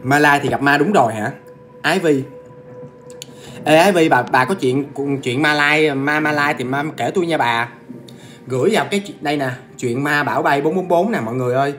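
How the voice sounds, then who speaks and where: Soft music plays behind this man, whose fairly high, fairly bright voice moves briskly. He's running a relaxed ghost-story stream, snacking while he chats and speaking straight to his viewers.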